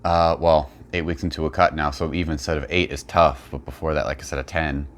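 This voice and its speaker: A man's voice: a bass voice, little pitch movement, a little fast. A man speaks off the cuff. He is blunt and opinionated, explaining his points in the style of a response video from a fitness creator. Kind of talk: unscripted response-video commentary.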